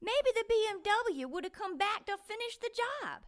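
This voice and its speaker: Sassy chatty young nurse type in a radio play, high bright voice that jumps around. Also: female voice, animated, moderate pace. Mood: indignant. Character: feisty talkative young woman nurse Karen. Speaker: woman who takes in the wounded hero. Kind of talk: audio drama acting.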